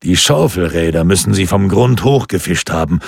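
A burly, calm executioner with a low, gravelly voice, as a male narrator puts him on. He speaks slowly and drily in a storybook reading. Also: dry recording, clean studio sound, heavily acted. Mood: calm gruff.

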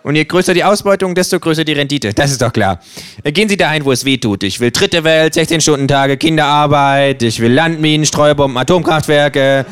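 Ein Mann, der ein freches, zynisches männliches Känguru spricht, sarkastisch und provokant. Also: male voice, a little fast, a bit bright, clean tone, close to an everyday voice. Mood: ranting. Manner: sarcastic, provocative, shrill high voice. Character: brash, cynical male kangaroo.

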